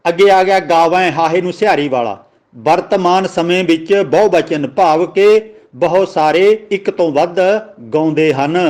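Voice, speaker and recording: A man with a Punjabi accent giving a religious grammar lesson, slowly spelling out words and their pronunciation. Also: fairly high pitch, a little mellow. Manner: slow, deliberate, spells out words letter by letter. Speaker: teacher of scripture grammar.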